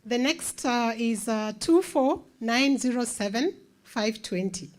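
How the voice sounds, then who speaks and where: Woman, co-director, high voice, casual and chatty, hesitant fillers. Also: animated, slow pace. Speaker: co-director drawing raffle winners. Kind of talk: reading out raffle numbers at an event.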